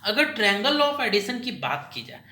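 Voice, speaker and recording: A man teaching a recorded lesson in a bright, slightly tense voice. He goes slowly and repeats each point, firing off questions and answering them himself. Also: extremely high pitch, very animated. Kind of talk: recorded class lecture.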